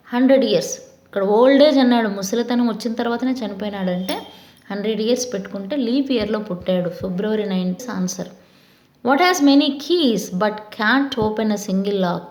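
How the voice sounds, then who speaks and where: A woman teacher with a Telugu accent, reading English lines slowly and then explaining them quickly in Telugu. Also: on the high side. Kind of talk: explaining an English textbook lesson.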